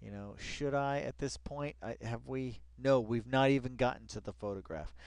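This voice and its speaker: In a medium-pitched, creaky, somewhat mellow voice at a moderate pace, a man reads an article aloud and rambles with casual, profane remarks. He mutters asides and repeats phrases in exasperation, with no room sound.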